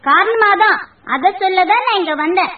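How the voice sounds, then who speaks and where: A woman's voice: very high-pitched, moderate pace, recorded from a distance. A naive young woman in love. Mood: earnest. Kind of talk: comedy film dialogue. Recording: tinny lo-fi echoey film audio.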